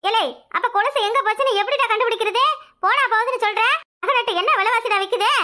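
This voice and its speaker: A woman voicing a sharp-tongued village housewife who speaks bluntly, in a southern Tamil Nadu accent. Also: very high voice. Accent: southern Tamil Nadu dialect. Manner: blunt, quick explanations.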